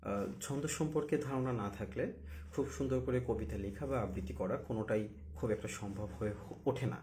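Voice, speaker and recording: A man in the middle of a spoken tutorial on poetic rhythm, his voice at an ordinary pitch. He explains patiently, pausing on fillers, and slows right down to sound out single syllables as he counts beats. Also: dark tone, a little hiss or hum. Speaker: recitation teacher.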